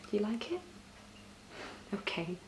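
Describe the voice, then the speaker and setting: A woman in an ASMR role-play as a personal shopper, soft-spoken and often breathy, explaining things gently and a little hesitantly. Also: medium pitch, big pitch swings, a little slow. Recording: roomy echo, clear background noise.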